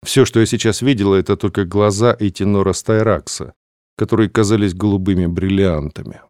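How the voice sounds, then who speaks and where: A man narrating an audiobook in a steady, measured way. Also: lowish voice, clean tone, no room sound, clean studio sound.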